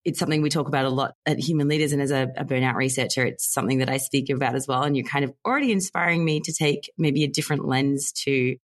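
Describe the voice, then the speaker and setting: Deep-voiced woman hosting a podcast. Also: steady tone, quick pace, hardly any pauses. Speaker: podcast host. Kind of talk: scripted introduction and interview.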